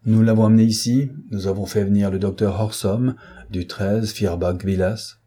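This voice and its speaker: A man's voice: fairly low pitch, fairly even intonation, moderate pace, mellow, slightly rough. A man reading an audiobook who voices a blustering, indignant middle-aged man with a mocking, rising delivery. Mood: sneering.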